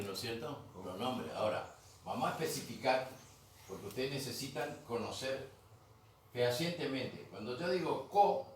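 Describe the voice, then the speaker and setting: A man's voice: mid-range voice, slight background noise. Guy giving a grammar class, keeps checking "eh?", super echoey room, mic far off. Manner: patient, repeats terms, checks understanding with "eh?". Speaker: language teacher. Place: museum classroom.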